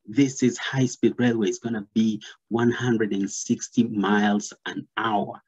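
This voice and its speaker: A man's voice: fairly low pitch, a little mellow, breathy edge. A man in his thirties with a Tanzanian accent, giving earnest casual commentary over a video call, with many fillers and restarts. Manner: earnest, many fillers, gestures while talking. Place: plain room, indoors. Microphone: laptop webcam video call. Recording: muffled lo-fi webcam audio.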